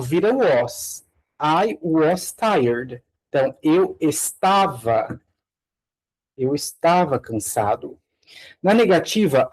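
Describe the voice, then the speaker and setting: Teacher, slow and patient. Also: male voice, fairly high pitch, a little mellow, rough recording. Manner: explains patiently, repeats each example slowly. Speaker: English teacher. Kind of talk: online English lesson.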